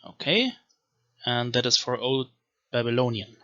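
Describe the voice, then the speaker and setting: A man's voice: medium pitch, lively intonation, fairly bright tone, dull audio. A man giving an explanatory video lecture on reading an ancient script, carefully sounding out one syllable after another. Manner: slowly spells out syllables one by one. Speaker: language teacher.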